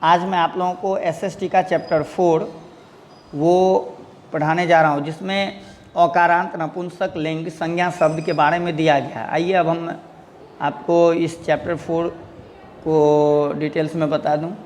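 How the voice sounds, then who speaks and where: Slow, high-voiced male teacher. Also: flat delivery, darkish tone, big-room sound, slight background noise. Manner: reads word lists slowly, says "okay" often. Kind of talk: online Sanskrit lesson for children.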